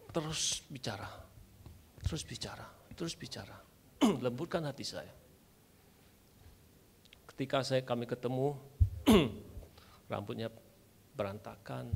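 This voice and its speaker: Gravelly-voiced male preacher giving a testimony. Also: medium pitch, a little hiss or hum. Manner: emotional personal testimony, mixing in English phrases, clears throat often. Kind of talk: sermon. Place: church.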